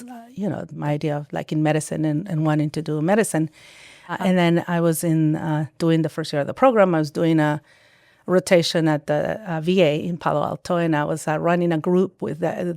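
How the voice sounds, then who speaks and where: Woman, lowish, dry close mic. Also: darkish tone, no echo. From El Salvador. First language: Spanish. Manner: storytelling, frequent restarts and acted-out quotes. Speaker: guest, psychiatric nurse practitioner. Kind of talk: casual interview chat.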